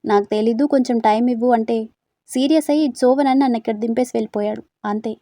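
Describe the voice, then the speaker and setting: A woman's voice: a little high, fast talker, mellow, no room sound, lightly acted. A woman voicing a timid young woman student who speaks hesitantly and sadly about her confused feelings, in a storybook reading. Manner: hesitant and unsure.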